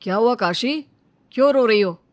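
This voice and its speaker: A woman voicing a young husband in a cartoon story, speaking in a lowered, firm tone. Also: animated, moderate pace, natural voice. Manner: firm, plain, pitched lower. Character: young husband, plain-spoken, a bit impatient.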